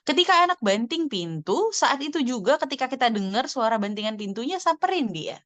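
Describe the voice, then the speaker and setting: A woman in her thirties speaking in a parenting sharing class, explaining calmly and acting out conversations between a mother and her child. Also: fairly high pitch, a little fast, no echo. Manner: warm explanatory, acts out mother and child dialogue. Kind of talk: answering a question in an online sharing class.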